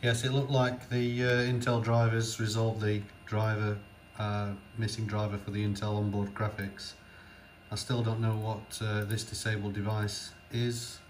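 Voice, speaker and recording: A restoration vlogger works on an old computer off camera, giving casual commentary in a lowish voice with little pitch movement at a measured pace. Slight background noise is audible, and he's hesitant, thinking aloud with many fillers.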